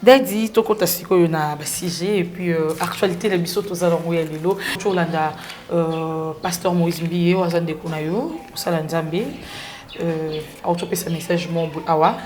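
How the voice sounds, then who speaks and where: Low-voiced woman interviewer. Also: steady tone, normal speed, darkish tone, a little hiss or hum. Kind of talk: casual interview talk.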